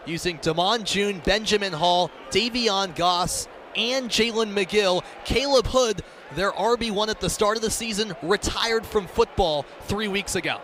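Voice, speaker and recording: An American play-by-play announcer calls live radio sports, describing the action in detailed, punchy phrases. His voice is high and sharp, with a slight hiss or hum on the audio.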